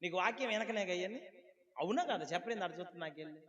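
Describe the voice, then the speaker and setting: A man's voice: racing, muffled recording. A male pastor preaching a sermon with fervent, rising exhortations and plain, scolding asides to the congregation. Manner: impassioned preaching, rising to loud high exhortation. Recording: long hall reverb.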